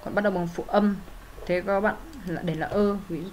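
Speaking fairly quickly at a medium pitch, a woman with a slightly mellow voice and fairly even intonation explains English grammar exercises. She methodically walks through the answers, with frequent fillers and self-corrections, over slight background noise.

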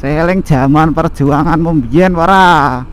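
Speaking in a fairly high pitch with a Javanese accent, this motovlogger talks to his audience through an action camera mounted on his helmet or bike as he rides an outdoor road. His narration is slow, relaxed and chatty, blending Javanese and Indonesian, with faint traffic and road noise behind him.

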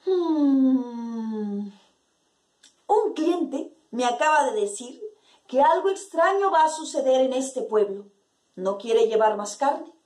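A woman's voice: sits high, lively intonation, slow pace, warm tone. A woman doing a gossipy male butcher. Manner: gossipy, persuasive. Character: chatty village butcher, a man.

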